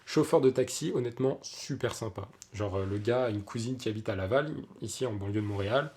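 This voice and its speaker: A man's voice: fairly low pitch, a little fast, a little mellow. A young man, telling a story in a casual vlog, chatty, with many fillers and restarts. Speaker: vlogger.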